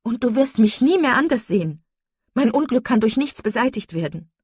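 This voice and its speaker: A woman's voice: a little high, lively intonation, moderate pace, husky, no room sound, clean studio sound, voice pushed up. A woman reading an audiobook and voicing a distraught young woman, pleading and desperate. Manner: desperate, pleading, sobbing outbursts.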